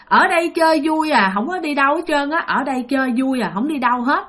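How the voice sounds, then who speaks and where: A woman's voice: high-pitched, animated, quick pace, a bit bright, voice pushed up. A woman voicing a sulky, sobbing ghost that has taken over a grown man, speaking. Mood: sulky, pleading. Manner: whiny, pleading, sobbing. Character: sulky wailing ghost inside a grown man, refusing to leave.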